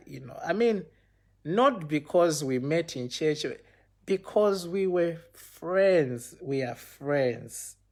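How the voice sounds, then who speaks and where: A man casually telling a personal story to viewers, acting out the dialogue and using many fillers like "you know" and "okay". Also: a little high. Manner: animated, acts out dialogue in retelling.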